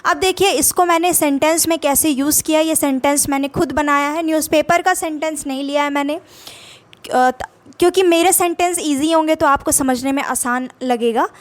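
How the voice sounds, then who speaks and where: A woman's voice: high voice, moderate pace. A young woman teaching English vocabulary in Hindi, explaining patiently and rephrasing each point for learners.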